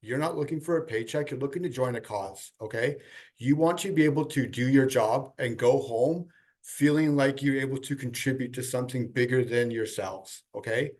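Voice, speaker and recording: A man's voice: mid-range voice, normal speed, darkish tone. Man talking with braces, giving career advice. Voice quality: slightly impeded speech from braces. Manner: emphatic, repeats "okay?" as a check. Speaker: employer panelist. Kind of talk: panel advice talk.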